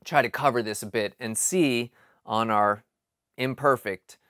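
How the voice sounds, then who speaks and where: A man in his forties talks through a home project in an easy, unscripted way, pausing with ums and restarting his sentences. His voice sits at an ordinary middle pitch. The sound is dry and close, picked up by a camera in a cluttered basement. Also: no echo. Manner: relaxed, thinking aloud with frequent ums and restarts. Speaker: home improvement vlogger. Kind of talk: casual explanatory vlog. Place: cluttered basement storage area.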